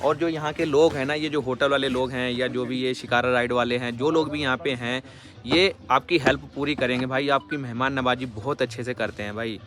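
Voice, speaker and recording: A man's voice: medium pitch, steady tone, brisk, fairly bright tone, faint music behind. A man talking casually to his viewers in a travel vlog, recorded outdoors on a small boat on a lake, calling them "brother" as he goes. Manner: chatty, keeps calling the viewer "bhai". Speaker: travel vlogger.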